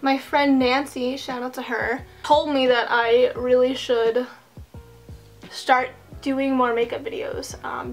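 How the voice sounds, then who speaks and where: A young woman chatting casually while doing her makeup at home, rambling and self-deprecating, into a desk microphone. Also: high voice. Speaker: streamer and vlogger. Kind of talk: casual get-ready-with-me chat.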